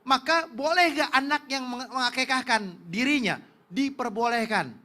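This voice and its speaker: A man's voice: very high voice, moderate pace, pushed and bright. A man preaching on a religious television talk show, explaining rulings earnestly with frequent fillers.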